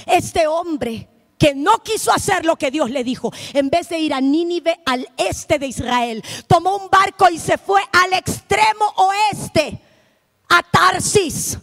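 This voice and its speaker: A woman preaching a missionary sermon, impassioned, swinging between shouted lines and hushed ones. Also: very high voice, a little slow.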